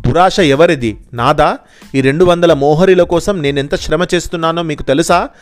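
A man voicing a bold, money-minded young fisherman in a children's storybook tale, in a smooth, clear voice. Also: a little high, moderate pace, soft background music, pitched above the performer's own voice, natural voice.

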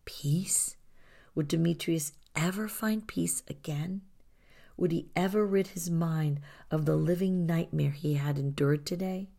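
Low, slow, gravelly woman narrator. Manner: somber, soft, often near a whisper. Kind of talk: scripted storybook narration.

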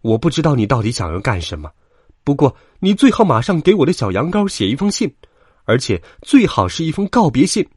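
A man's voice: on the high side, big pitch swings, measured pace, no room sound, clean studio sound, voice pushed up. Brief: indignant storybook mother ewe, scolding and demanding, a man doing the voice. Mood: furious. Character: protective, indignant mother sheep.

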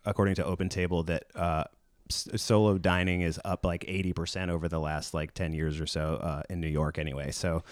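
A man's voice: low voice, level tone, brisk, dry recording, clean studio sound. A man hosting a podcast in a casual, conversational style. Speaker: podcast host; hotel bartender. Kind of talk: casual chat.

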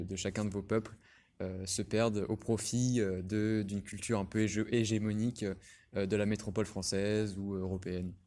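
A man interviewing a guest, asking long, rambling questions with many pauses and restarts. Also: on the low side, darkish tone.

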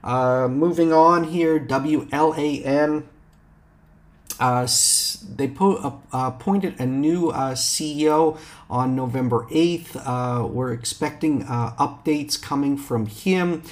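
A man hosting casual stock market commentary in brash, slangy trader talk, halting often with fillers and addressing viewers directly. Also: fairly high pitch. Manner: halting, filler-heavy delivery. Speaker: stock market video host.

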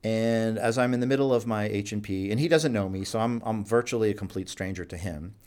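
A man's voice: fairly low pitch, fairly quick, darkish tone. A man who works as a doctor at a jail HIV clinic tells anecdotes in a conversational interview, acting out the quoted dialogue with animation.

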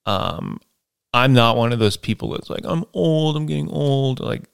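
This podcast host, a man in his twenties, muses casually about his life plans in a solo monologue, rambling with lots of fillers and tag questions. His medium-pitched voice is expressive, creaky yet smooth, at normal speed, with clean studio audio and no echo.

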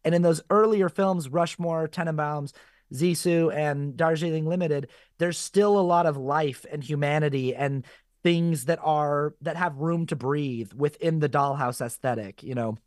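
A man with a voice on the high side speaks a little slowly, recorded cleanly in a studio with no echo. He's a guest actor chatting casually on a podcast, telling stories with energy and quoting other people in lively voices.

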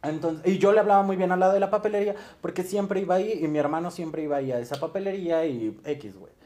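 A man's voice: sits high, fast, warm tone. A young Mexican man with a Mexican accent telling a story in casual chat, acting out quotes, laughing often and full of slang.

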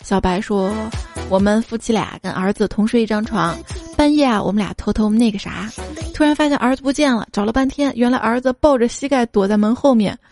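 A woman hosting a show, reading out funny listener stories in a lively way and mimicking the children in them. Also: on the high side, fairly quick. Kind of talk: humorous story reading. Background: faint background music.

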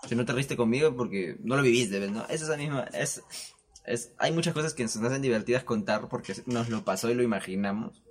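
A young man with a Peruvian Spanish accent tells stories to camera in a casual, animated way. He laughs often and swears freely. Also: mid-range voice, brisk. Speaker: vlogger. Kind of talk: casual storytelling monologue. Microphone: camera setup with microphone.

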